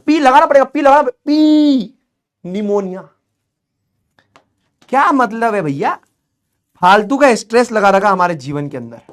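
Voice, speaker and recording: A male chemistry teacher lecturing in Hindi with lively, teasing energy. He jokes about English spellings and keeps his students hooked. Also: sits high. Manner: animated, joking, mocking spellings.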